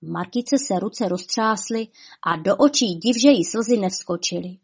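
A woman narrating a fairy tale in a calm, even storytelling manner. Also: mid-range voice, husky.

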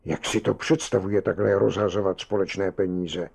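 A guilt-ridden, hot-tempered middle-aged husband, as a male reader acts him out, quick to outrage. His voice is low with a warm, dark tone. It is told as an audiobook story. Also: steady tone, gravelly, husky, heavily acted. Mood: brooding. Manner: agitated, outraged exclamations. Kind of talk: audiobook reading.

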